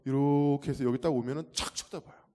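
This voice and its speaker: A man giving an animated testimony to a church audience, acting out the scenes as he tells the story. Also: mid-range voice, fast. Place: church hall.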